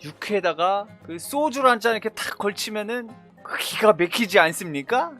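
A man streaming a battle game, chatting casually with viewers in a playful, boastful, teasing way and breaking into sudden shouts. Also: high-pitched, animated, moderate pace, faint music behind. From Korea. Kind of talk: casual gameplay commentary.

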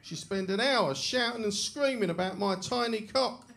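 Deadpan London comic with a stage mic. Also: male voice, high voice, moderate pace, gravelly, noisy background. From England. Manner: deadpan, self-deprecating delivery. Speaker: stand-up comedian. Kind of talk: stand-up comedy set. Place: comedy club stage with a live audience. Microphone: handheld stage mic. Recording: loud audience laughter in a club.

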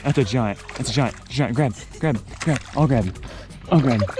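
A fishing vlogger in his thirties films himself from a small boat in a swamp using an action camera mounted on the boat, chatting excitedly over music. His medium-pitched voice moves at a moderate pace, and he laughs often and repeats words when a fish is on the line.

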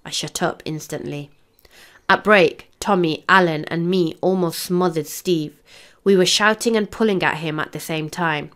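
A woman English teacher reading a novel aloud to her class in a steady storybook manner. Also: lowish voice, normal speed.

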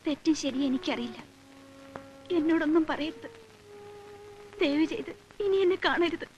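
A woman's voice: sits high, normal speed, highs cut off, lightly acted. An actress playing a young noblewoman who speaks with resigned, despairing sorrow. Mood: sorrowful. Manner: despairing, pleading. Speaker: film character. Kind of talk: 1990s film acting.

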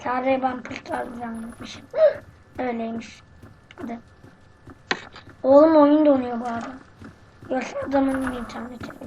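A gaming channel host with a hoarse, sick voice commentating on gameplay, jumping between excited bursts and mumbled asides. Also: high-pitched, moderate pace, pauses often. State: hoarse from illness. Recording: dull lo-fi audio with background noise.

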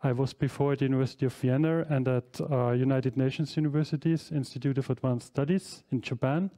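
A man in his forties with a mellow, mid-range voice delivers a brisk inaugural lecture as a professor, his intonation fairly even. English isn't his first language, and he speaks into a headset mic in a large hall, presenting slides with frequent fillers and self-corrections.

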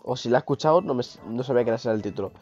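A man, hoarse from a cold, giving excitable live gameplay commentary, swearing and yelping at mishaps. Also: mid-range voice, very fast. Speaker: streamer. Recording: dull lo-fi stream audio with game music.

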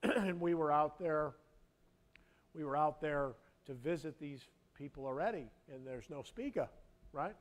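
Male pastor with a fairly high voice, live sermon, halting storyteller who swells into emphatic preaching. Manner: earnest, halting storyteller with many restarts; builds to loud, emphatic preaching. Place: church sanctuary.

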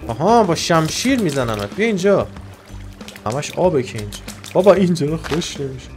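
Excitable man shouting over game music. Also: a little high. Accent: Iranian Persian. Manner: excitable, joking, shouts and trash-talks mobs. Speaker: gaming YouTuber. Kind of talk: Minecraft let's-play commentary.

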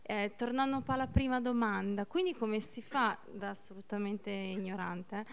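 A woman's voice: medium pitch, fairly even intonation, moderate pace, smooth. A woman in the audience at a library talk, asking a question hesitantly with many fillers. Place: public library event hall.

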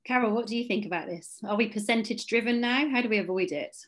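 A woman's voice: on the high side, quick pace. A woman moderating a medical webinar, putting questions to the panel over a video call. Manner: inquisitive, poses questions.

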